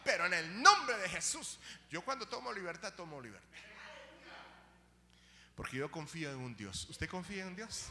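A middle-aged man preaching a sermon as guest pastor, moving from quiet talk to shouting and stammering at times. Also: sits high, big pitch swings, moderate pace. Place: church hall. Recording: reverberant church hall with hum.

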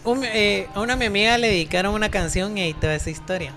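A young woman, co-hosting a casual podcast chat in a relaxed way and often answering with short agreements. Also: mid-range voice, fast, soft background music. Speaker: podcast co-host.

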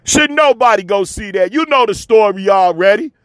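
Man from chicago, very high voice, smooth and resonant, fiery repetitive rant, dry close sound. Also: animated, moderate pace, no room sound. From Chicago, USA. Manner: fiery, repetitive, preachy, swears. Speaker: commentator. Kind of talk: impassioned monologue rant.

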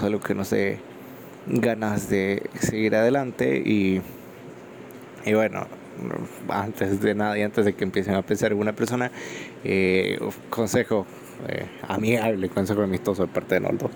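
A Salvadoran man with a Salvadoran Spanish accent hosts an unscripted solo podcast, rambling and leaning on frequent fillers. His voice is fairly low, darkish, with vocal fry. He records on a phone microphone with slight background noise.

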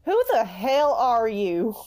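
A woman's voice: a little high, big pitch swings, slow pace, mellow, faint music behind. A woman playing a tabletop game, talking playfully with stammers. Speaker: player. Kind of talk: tabletop role-play chat.

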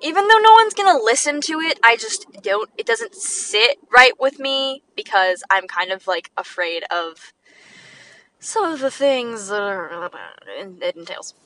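A woman's voice: on the high side, animated, bright, forceful tone, distant mic, a little hiss or hum, low-quality recording. A sixteen-year-old girl rambling casually on her podcast, full of likes and little laughs. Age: teens, sixteen. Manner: chatty, many likes, quick laughs, self-deprecating. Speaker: podcast host.

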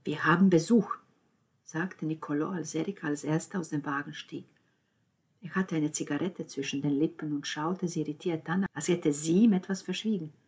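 A woman reading a novel aloud as narrator, lifting her voice for the dialogue and dropping to a hushed tone in the narration. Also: sits low, fairly even intonation, moderate pace, husky. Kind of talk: audiobook narration.

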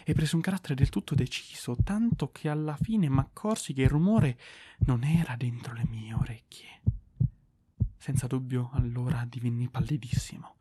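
A man's voice: medium pitch, normal speed, mellow, breathy edge, no echo. A man giving an intense, theatrical reading of a horror story. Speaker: narrator.

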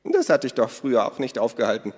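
A man's voice: medium pitch, wildly swooping pitch, fast, breathy edge, voice pushed up. A man voicing a boisterous, greedy middle-aged woman in a read-aloud storybook, teasing and cackling as she talks. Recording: long hall reverb.

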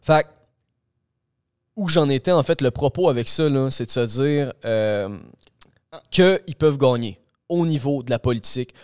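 A man's voice: mid-range voice, lively intonation, normal speed, pauses often, a little mellow, clear, resonant tone, no echo. Argumentative Québécois man, dry sound. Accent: Québécois French. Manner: argumentative, loose, full of fillers like "là" and "ok". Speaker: podcast co-host. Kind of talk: casual podcast discussion.

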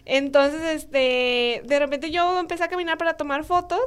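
High-voiced young Mexican woman storyteller. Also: normal speed. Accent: Mexican Spanish. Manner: animated storytelling, acting out dialogue, frequent fillers. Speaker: podcast guest. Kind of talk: casual chat.

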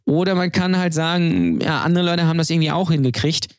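A man rambles through his opinions on a podcast, packing his talk with fillers. His voice sits a bit high and sounds dry and close to the mic. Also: quick pace, dry recording. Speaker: podcast co-host. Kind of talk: casual podcast banter.

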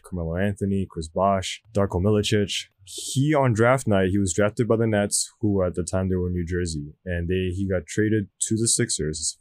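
A man's voice: deep voice, darkish tone, no echo. Rambling young man, sports podcast. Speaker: podcast co-host. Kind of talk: casual sports chat.

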